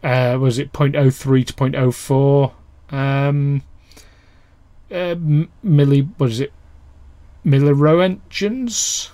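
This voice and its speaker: A man's voice: medium pitch, fairly even intonation, slow, pauses often, dark tone, dry recording. A man in casual podcast chat who hesitates a lot, full of ums and restarts.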